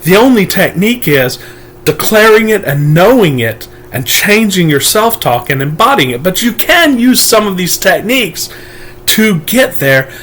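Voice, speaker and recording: A man's voice: high voice, sing-song, a little slow, a bit bright. A man speaking as a manifestation coach, giving an emphatic, preachy motivational monologue to his viewers and often calling them "guys".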